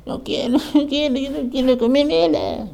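A man's voice: extremely high pitch, moderate pace, creaky, warm tone, voice pushed up. A man voicing his small daughter as a tearful, whiny little girl who refuses her food and pleads that she is hungry.

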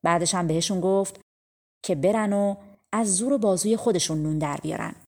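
A woman's voice: lowish voice, darkish tone. A woman narrating a folk tale audiobook in a casual, colloquial storytelling manner.

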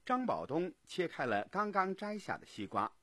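A man presenting local radio news in a scripted, animated newsreader delivery. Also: high-pitched, moderate pace, no room sound.

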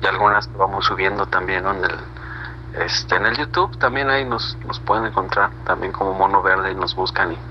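A low-pitched Mexican man, a reggae band member, talks a little fast as an interview guest. He rambles casually in slang, often ending on a tag question, over a dull, slightly noisy internet call.

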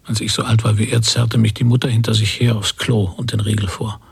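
In a brooding radio drama monologue, an actor plays a haunted middle-aged father recalling his violent childhood, using a gravelly, husky, full character voice. The pitch is lowish and the delivery flat and brisk.

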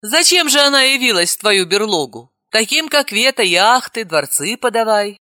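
A woman's voice: on the high side, sing-song, normal speed, bright, forceful tone, no room sound, studio quality, pitched above the performer's own voice. A woman reading an audiobook, voicing a stern woman in her thirties who scolds her young nephew. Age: 30s.

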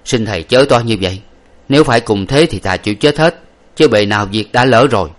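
A man's voice: lowish voice, lively intonation, a little fast, close to an everyday voice. A man voicing a loyal husband weeping and pleading over his dying wife. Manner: sobbing, pleading.

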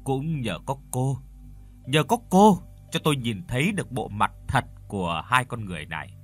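A man's voice: mid-range voice, sing-song, moderate pace, soft background music. A man voicing a possessed young woman who mutters and repeats herself frantically. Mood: menacing.

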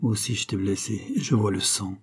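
A man's voice: mid-range voice, normal speed, dark tone, breathy edge. A man voicing a haughty, scornful queen with a biting, contemptuous delivery. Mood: venomous.

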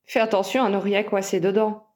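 A woman reading aloud and voicing a confident, teasing young male wizard, in a mellow voice. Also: medium pitch, level tone, brisk, natural voice. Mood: cheerful. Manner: teasing, cheerful insistence.

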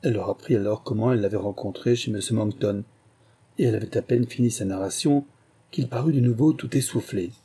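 A man reading a classic novel aloud in measured, even narration. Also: on the low side, husky. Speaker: audiobook reader.

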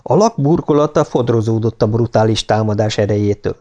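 A man narrating an audiobook in an even, measured storytelling manner. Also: on the low side, dull audio.

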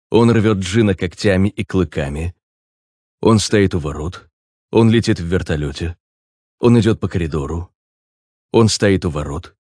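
A man reading an audiobook in a measured storytelling manner. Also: deep voice, a little mellow, dry recording, studio quality. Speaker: narrator. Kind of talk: audiobook narration.

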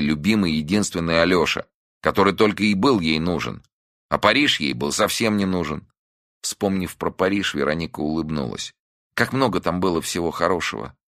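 Man, audiobook narrator, expressive storytelling, lively intonation, dry close recording. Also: deep voice, dry recording. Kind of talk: scripted narration.

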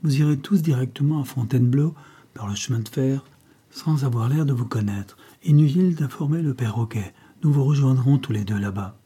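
A man's voice: mid-range voice, fairly quick, mellow, slightly rough, lightly acted. A man reading the part of a scheming older male gang chief who gives menacing commands.

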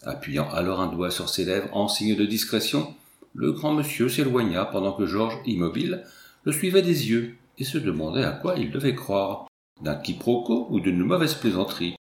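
A man reading a novel aloud as narrator, in measured, expressive storytelling. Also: on the low side. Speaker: audiobook reader. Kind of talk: scripted narration. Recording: echoey room.

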